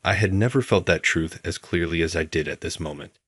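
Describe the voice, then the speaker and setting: A man reading a scripted story as narrator, calm and measured. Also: sits low, slightly rough, no room sound, clean studio sound.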